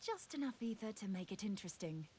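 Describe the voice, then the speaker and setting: A woman's voice: medium pitch, big pitch swings, fast talker, warm tone, a little hiss or hum, close to an everyday voice. A woman playing a plucky, wry female scholar in a video game, speaking in a chatty, informal way. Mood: determined. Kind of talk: scripted video game voice acting.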